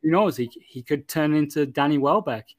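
A Manchester man with a fairly high voice chats casually about football at a moderate pace. His talk rambles, full of fillers and restarts, and the recording is dry.

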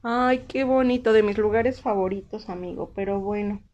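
A woman's voice: mid-range voice, normal speed, darkish tone, dull audio. A woman hosting a casual podcast interview, playful and teasing with her guest. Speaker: podcast host.

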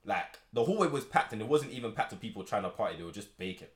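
A man's voice: lowish voice, animated, fast talker. A young man with a London roadman accent, chatting casually on a podcast in rambling slang with repeated starts. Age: young adult. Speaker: podcast co-host. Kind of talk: casual group chat.

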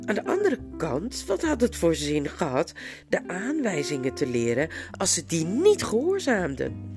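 Lively woman reading a storybook. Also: lowish voice, unhurried, music in the background. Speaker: audiobook narrator. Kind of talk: scripted storybook narration.

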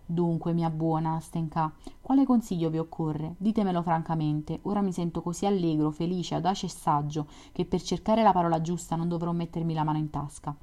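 A woman's voice: sits low, fairly even intonation, a little fast, few pauses, warm tone, close to an everyday voice. A woman reading the part of a lonely, romantic young man in a read-aloud story, with a wistful, earnest delivery. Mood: eager. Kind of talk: audiobook reading.

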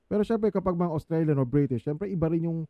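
A man's voice: fairly high pitch, quick pace, no echo, narrow, tinny audio. A man, chatting casually in a mix of Tagalog and English and laughing often as he tells stories. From Philippines. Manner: lively, laughs often, animated storytelling.

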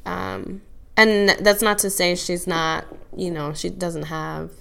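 Soft-spoken woman podcast co-host. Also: fairly low pitch, little pitch movement, slow, gravelly. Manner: thoughtful, hesitant with many fillers and restarts. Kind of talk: casual podcast chat.

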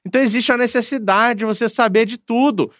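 High-voiced earnest Brazilian-Portuguese-speaking man. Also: brisk, a bit bright, no echo, studio quality. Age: adult, father of a daughter. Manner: earnest, reflective, frequent hesitations. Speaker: guest speaking with a pastor. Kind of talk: casual conversational talk.

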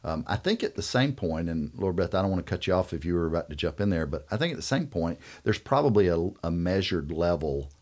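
A man's voice: low voice, lively intonation, fast, few pauses, a little mellow. A man hosting a casual faith-based conversation with young guests, thoughtful and rambling with many fillers. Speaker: host.

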